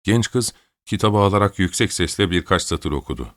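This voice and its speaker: A man giving measured, scripted narration of a classic novel as an audiobook reader. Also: low-pitched, lively intonation, fairly bright tone, no echo, studio quality.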